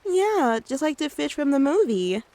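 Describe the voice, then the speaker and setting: A woman playing a gentle, doting mother in a soft-spoken ASMR role-play, soothing and coaxing as she talks to the listener like a small child. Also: high-pitched, sing-song, moderate pace, no echo. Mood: tender. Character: gentle doting mother taking her little one out. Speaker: ASMR creator.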